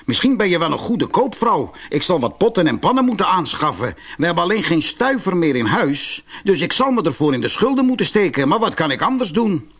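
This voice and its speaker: A man's voice: sits high, big pitch swings, brisk, hardly any pauses, fairly bright tone, husky, voice pushed up, heavily acted. A man voicing a poor fiddler who mocks and scolds his wife, in a storybook reading. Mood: grumbling. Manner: scolding, grumbling. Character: grumbling, mocking poor male fiddler.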